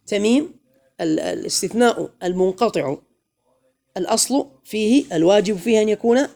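A man teaching a grammar class, his voice gravelly and mellow. He keeps quizzing the room with questions and slows down to chant lines of verse. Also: high-pitched, animated. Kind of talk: classroom lesson.

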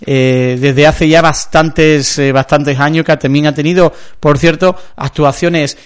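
Man, radio sports host, highish smooth clear voice, halting unscripted delivery. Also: fairly even intonation. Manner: halting, searching for words. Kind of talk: unscripted sports news presenting.

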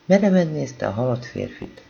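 A man with a gravelly voice reading a novel aloud as an audiobook narrator, calm and even, voicing the dialogue quietly. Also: mid-range voice, dull audio, slight background noise. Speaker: audiobook reader.

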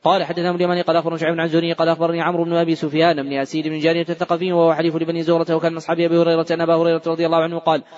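A man's voice: a little high, monotone, rapid-fire, hardly any pauses, a little mellow, lo-fi sound. A man reading hadith aloud at speed in a mosque, restarting words he stumbles on. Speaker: hadith reader. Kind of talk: rapid recitation of hadith text. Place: large mosque.

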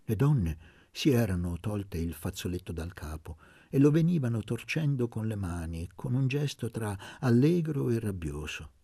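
A man with a husky, gravelly voice narrating a novel aloud, dramatic and expressive. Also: fairly low pitch, normal speed, dry recording, clean studio sound. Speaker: audiobook reader. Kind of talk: literary audiobook narration.

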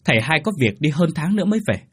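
A man voicing a distraught elderly mother-in-law, crying out in shrill laments. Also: big pitch swings, normal speed, breathy edge. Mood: panicked.

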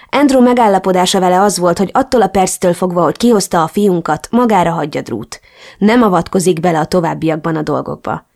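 A woman narrating a first-person romance audiobook in an expressive, emotional way. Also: on the low side, vocal fry.

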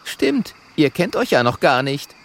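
A man's voice: a little high, big pitch swings, a little slow, vocal fry, voice pushed up, heavily acted. A man voicing an indignant, prim little female porcupine.

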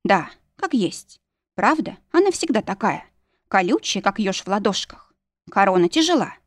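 Woman narrator, expressive storybook reading, dry booth. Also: mid-range voice, normal speed, no room sound. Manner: expressive, shifts voices for quoted characters. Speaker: audiobook narrator. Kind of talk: storybook narration with character voices.

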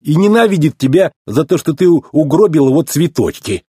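A man's voice: a little high, lively intonation, brisk, mellow, breathy edge, no echo, studio quality, pitched above the performer's own voice. A man voicing a cheerful, boastful old male tow truck who rambles in a folksy way. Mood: chatty.

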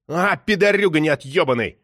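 A man voicing a hot-tempered police detective who shouts, swears and threatens. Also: a little high, sing-song, a little fast, no echo, studio quality, voice pushed up. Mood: furious.

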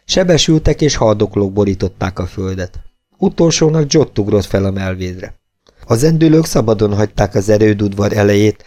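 Give me a man with a warm, mellow voice narrating an audiobook at a measured pace. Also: on the low side. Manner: steady, measured reading.

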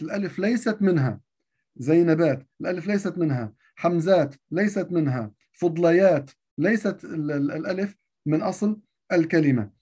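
A man explaining grammar in a lesson, with a mellow, warm tone that sits a little high for a man's voice. He goes over each point more than once and poses his own questions before answering them. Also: breathy edge. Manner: repeats each point and asks himself rhetorical questions. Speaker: teacher of Arabic grammar.

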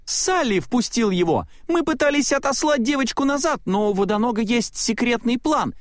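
A man voicing an excitable, chatty small one-eyed male monster in a storybook reading, in a high, agitated voice. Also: normal speed, no echo, studio quality. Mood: excited.

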